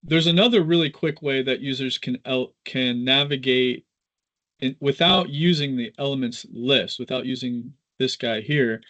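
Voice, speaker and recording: A man with a medium-pitched voice gives a casual live software tutorial as the instructor. His delivery is informal and halting because he thinks aloud.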